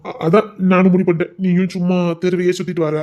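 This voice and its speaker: A man's voice: high-pitched, flat delivery, fast, a little mellow, muffled recording. A man playing a stern, insistent husband who scolds his wife in a colloquial family drama.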